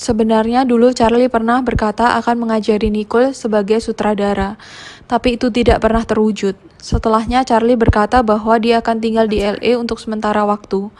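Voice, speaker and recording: Woman narrating a film recap. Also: a little high. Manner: plain, steady retelling with a brief casual aside at the end.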